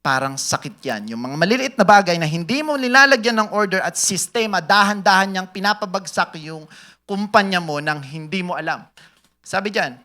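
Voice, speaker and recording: Bright-voiced joking preacher man. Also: high voice, lively intonation, moderate pace. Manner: joking, laughs at own jokes, quizzes the audience; switches between Tagalog and English mid-sentence. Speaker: church speaker at a business talk. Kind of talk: sermon-style talk to a live audience.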